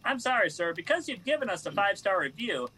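A man's voice: high voice, sing-song, fast, bright, forceful tone, husky, exaggerated voice. A man doing a smarmy customer service rep. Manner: falsely cheerful, condescending policy talk.

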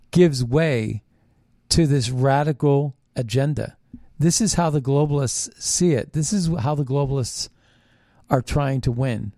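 A man's voice: a little high, warm tone, no echo, clean studio sound. A man hosting a political talk show, delivering an emphatic, conspiratorial rant as a monologue and repeating phrases for stress. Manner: conspiratorial ranting. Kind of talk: political monologue, reading out own written posts with commentary.

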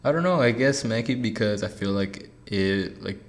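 A man's voice: lowish voice, moderate pace. A young man in his twenties, a college soccer player, talking casually and rambling a little as a podcast guest. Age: 20s. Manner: relaxed, rambling, laughs easily. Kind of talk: casual interview chat.

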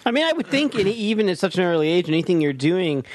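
A man's voice: high voice, very animated, quick pace, no echo. A man co-hosting a podcast, cracking wry quips and asking questions in casual chat. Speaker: podcast co-host.

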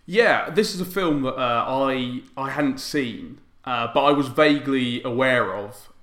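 A man's voice: medium pitch, a little slow, very noisy. A man co-hosting a casual film podcast, chatting with frequent restarts. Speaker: podcast co-host. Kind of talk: casual film review chat. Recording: echoey room.

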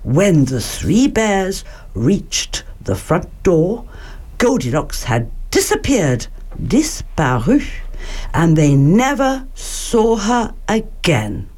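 Slow, lively storyteller woman. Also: on the low side. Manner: slow, expressive, clearly paced. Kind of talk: children's story reading with French translations.

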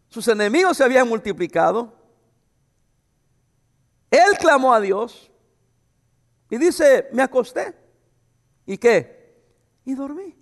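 Man, pastor mid-sermon, high voice, expressive delivery, long hall echo. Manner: expressive preaching with asides. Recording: reverberant hall.

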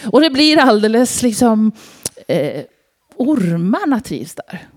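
A preacher from Sweden delivers an informal sermon in a slightly high, sing-song voice. She tells personal stories and keeps things conversational by asking the congregation questions.

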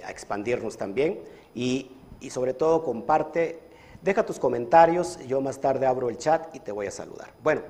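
A man's voice: mid-range voice, a little mellow. A man leading a livestreamed religious study lesson as a Kabbalah teacher, earnestly asking his audience questions and stretching out key words. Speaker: Kabbalah teacher and community leader.

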